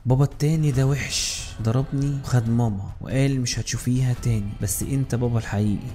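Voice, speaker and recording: A man with an Egyptian accent voicing a frightened, innocent little girl in a horror story, speaking softly. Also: mid-range voice, quick pace, slight background noise, close to an everyday voice. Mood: scared. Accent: Egyptian Arabic.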